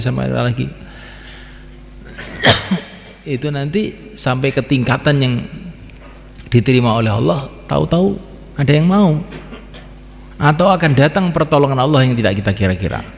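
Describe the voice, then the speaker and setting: A man's voice: medium pitch, normal speed, vocal fry, long pauses, a little hiss or hum. A man preaching an Islamic sermon, repeating phrases and breaking into chanted lines. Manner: repetitive, sing-song chanting of call to prayer. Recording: reverberant hall.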